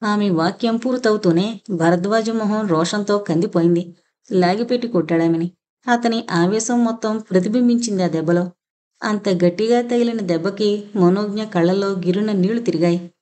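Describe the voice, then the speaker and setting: Woman reading a novel aloud, mellow warm tone, steady and measured. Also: mid-range voice. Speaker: audio novel narrator. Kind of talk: scripted narration.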